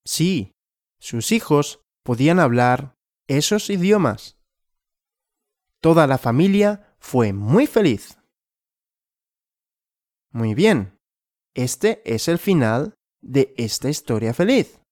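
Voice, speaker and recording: Male language teacher, question-and-answer story lesson, slow and clear, animated pitch, dry close sound. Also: dry recording. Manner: slow, clear and repetitive, asking and answering his own questions.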